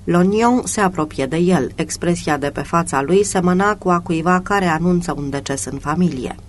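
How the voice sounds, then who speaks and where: A narrator giving a measured, even reading of a detective novel as an audiobook. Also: medium pitch, slight background noise. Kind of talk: scripted narration.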